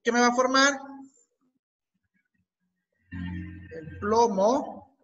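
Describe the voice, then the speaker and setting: A man's voice: extremely high pitch, expressive, extremely slow, sharp tone, lo-fi sound, soft background music. A man teaching a chemistry class with a Peruvian Spanish accent, asking students questions and repeating their answers. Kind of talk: online class lesson.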